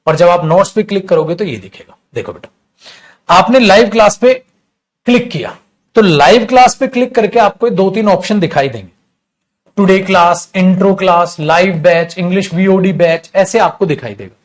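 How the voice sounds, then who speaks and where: A male English teacher lectures an online class, calling students "beta" and explaining step by step through repetitive lists, broken up by bursts of scolding. His voice is high and expressive, at a moderate pace.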